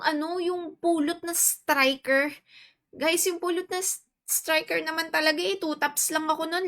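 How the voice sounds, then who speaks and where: A Filipino woman in her forties with a Filipino accent, chatting casually on a livestream and greeting viewers; her voice is soft and quiet, her throat a bit sore. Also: high voice. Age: 40s. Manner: chatty, mixes Tagalog and English, greets viewers by name. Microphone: earphones with mic.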